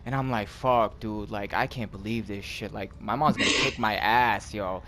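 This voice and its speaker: Slight background noise sits under a fairly low, fairly bright male voice moving at a moderate pace. It's an American gaming channel host casually spinning a story for friends, cursing and using slang while voicing the characters' lines.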